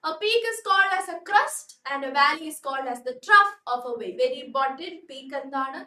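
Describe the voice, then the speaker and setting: A woman's voice: sits high, animated, extremely slow, echoey room, distant mic, noisy background. A young woman tutor with a Malayali English accent, teaching a live online class and often checking that students follow. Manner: coaxing, checks understanding often.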